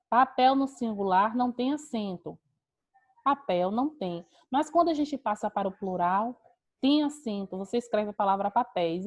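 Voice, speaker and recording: A woman with a Brazilian Portuguese accent teaches a class over a video call. Her voice sits a little high, and she explains patiently, repeating key words and posing rhetorical questions before she answers them. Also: darkish tone. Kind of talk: online class lecture.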